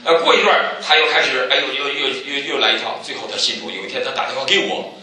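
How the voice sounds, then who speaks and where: A man giving a church testimony, telling stories with animated swings and loud exclaiming peaks. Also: mid-range voice, quick pace, very echoey, far from the mic, rough recording. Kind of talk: sermon testimony.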